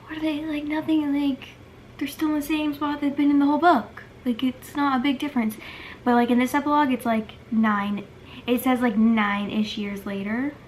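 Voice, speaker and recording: A woman's voice: high-pitched, little pitch movement, moderate pace, slight background noise. A young woman chatting casually about books she loved, gushing and emotional, with lots of filler words. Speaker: book vlogger. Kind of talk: casual chat.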